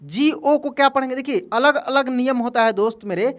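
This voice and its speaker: A man's voice: very high-pitched, fairly quick, a bit bright. A man teaching an English lesson who spells words out letter by letter, then asks his own quiz questions and answers them, calling listeners his friend. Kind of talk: spoken language lesson.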